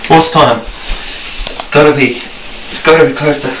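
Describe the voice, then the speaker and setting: A man's voice: on the high side, steady tone, unhurried. A man in his thirties chatting casually while shivering in ice cold water in a bathtub. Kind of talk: casual chat with the camera operator. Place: small bathroom, sitting in a bathtub. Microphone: handheld camera a short distance away. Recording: echoey noisy bathroom, distant camera mic.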